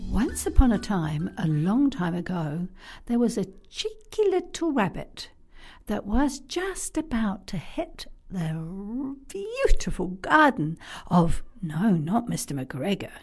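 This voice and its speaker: A woman telling children's stories in a hushed, whispery manner. Her voice is low and breathy, and her pitch swings widely to bring the tale to life. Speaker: storyteller.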